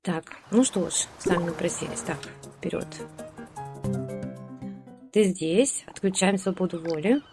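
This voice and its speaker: A woman with a lowish voice talks her way through a life-sim session, directing her characters with chatty impatience. She pauses with hesitant fillers while she thinks. Soft music plays faintly behind her. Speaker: let's play host. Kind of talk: casual gameplay commentary.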